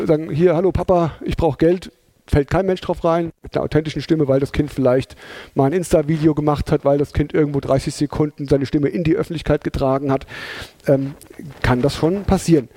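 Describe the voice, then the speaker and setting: A man's voice: on the high side, mellow, no echo. A man presenting a talk in a chatty, informal way, with many fillers and tag questions. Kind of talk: conversational lecture.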